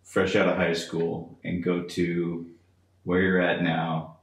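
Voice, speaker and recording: Very low, gravelly male host. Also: monotone, takes it slowly. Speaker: podcast host and interviewer. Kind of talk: casual interview chat. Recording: roomy computer-speaker recording.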